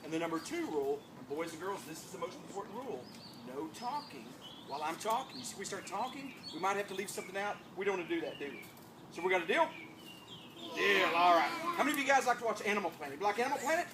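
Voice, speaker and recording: A children's entertainer, much like a kids' party magician, runs a live show with playful, coaxing call-and-response patter and clownish mock surprise. His medium-pitched voice swings widely and moves fast, recorded in a noisy room where a loud crowd of children and ambient noise fill the background.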